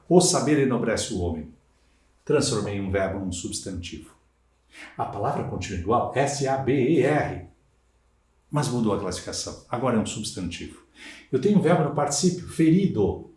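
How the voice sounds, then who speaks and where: A male teacher from Brazil gives an exam-prep lecture, stressing points with emphatic questions and tags. His mellow voice swings widely in pitch. The sound carries the echo of a classroom. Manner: lively, emphatic teaching with frequent rhetorical tags. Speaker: Portuguese language teacher. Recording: echoey room.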